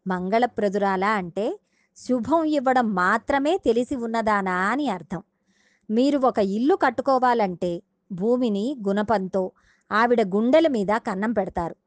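Woman, devotional storytelling talk, earnest and explanatory, fairly high voice, dry close sound. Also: measured pace, dry recording. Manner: earnest, explanatory, addresses listeners directly. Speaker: religious discourse speaker.

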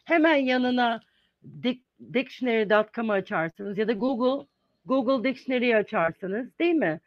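A man's voice: extremely high pitch, expressive, moderate pace, no room sound. A man who teaches English, answering interview questions in an earnest, explaining manner with many hesitant fillers. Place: lives in the United States. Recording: dull, dry sound.

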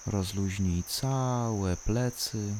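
Calm deep voice doing guided relaxation, super slow w long pauses, some cricket noise in back. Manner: calm, unhurried, soothing delivery with long pauses. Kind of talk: slow guided body-scan meditation.

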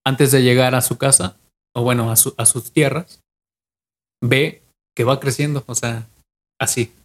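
A man's voice: mid-range voice, fairly even intonation, a little slow. A young adult man with a Mexican accent casually retells a legend from memory on a podcast, often repeating and restarting his phrases. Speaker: podcast co-host.

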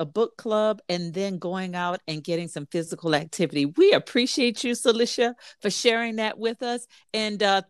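A woman's voice: mid-range voice, no room sound, studio quality. A woman hosting a chat show, upbeat and affirming toward her guests. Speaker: host. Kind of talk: casual interview chat.

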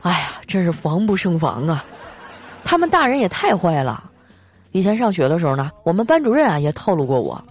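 Over soft background music, a young woman performs a lively comic storytelling monologue that includes a sponsored segment, joking and drawing out her particles. Her voice is fairly low and slightly rough.

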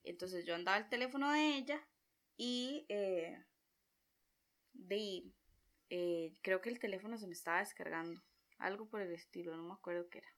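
A young woman with a Costa Rican accent, telling a personal story in a chatty, expressive vlog style and acting out her own reactions. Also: mid-range voice, normal speed. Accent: Costa Rican Spanish. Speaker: vlogger.

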